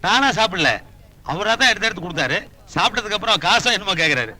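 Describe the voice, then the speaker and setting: A man's voice: high voice, lively intonation, fast talker, sharp tone, heavily acted. An actor playing a god visiting earth as a man, who asks innocent, wondering questions in a Tamil film comedy. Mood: curious.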